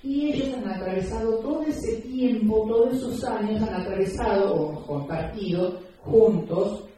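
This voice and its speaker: Woman, mellow voice, emphatic speaker at a talk, miked from afar. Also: mid-range voice, normal speed, slight background noise. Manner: earnest, emphatic, explains with examples and rhetorical questions. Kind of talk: public talk to an audience. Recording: echoey room, distant mic.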